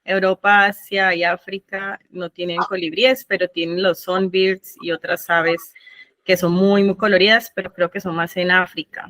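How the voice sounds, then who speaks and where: A woman's voice: fairly low pitch, flat delivery, normal speed, a bit bright. A woman from the audience asking long, chatty questions at an online talk. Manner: chatty, full of fillers.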